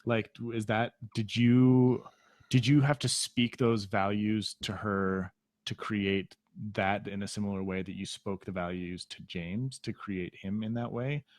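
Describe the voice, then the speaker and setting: A man's voice: lowish voice, steady tone, a little slow, dry recording, studio quality. A man hosting a podcast, asking curious, probing questions and rephrasing them as he goes. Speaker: podcast host. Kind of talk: interview questions.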